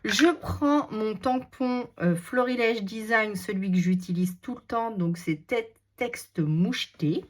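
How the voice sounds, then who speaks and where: A woman with a French regional accent demonstrating a craft technique step by step, chatty and unhurried, thinking aloud with many fillers. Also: mid-range voice. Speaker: crafting tutorial host. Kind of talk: casual step-by-step crafting demo.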